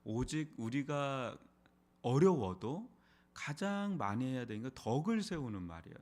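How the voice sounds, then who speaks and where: A man's voice: medium pitch, big pitch swings, measured pace, darkish tone. A middle-aged man, a pastor, preaching an early morning sermon in a church in a conversational way, with frequent rhetorical questions. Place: church sanctuary.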